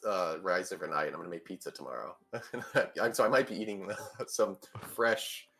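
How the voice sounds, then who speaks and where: A man's voice: deep voice, animated, normal speed, sharp tone, faint music behind. A man casting a card game tournament stream, casual and teasing, laughing often. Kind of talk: casual stream commentary chat.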